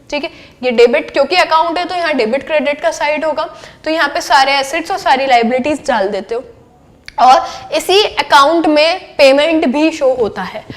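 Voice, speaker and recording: A woman's voice: high-pitched, fairly bright tone. A young woman lecturing on accountancy, mixing English terms into her Hindi and asking her class questions that she answers herself. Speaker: accountancy teacher.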